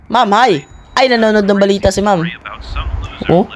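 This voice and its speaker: A young Filipino man giving playful, excitable commentary while playing a game. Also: high-pitched, moderate pace, heavy background noise. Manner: excitable, playful, switches between Tagalog and English. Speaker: gaming content creator. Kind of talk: casual gameplay commentary. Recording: faint game music behind.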